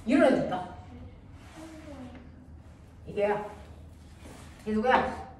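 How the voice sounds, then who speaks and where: A woman teaching a middle school science class, playfully asking quick check questions and drawing answers from her students. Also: mid-range voice, expressive. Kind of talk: classroom lesson with call-and-response questions. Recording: echoey room, distant mic, background noise.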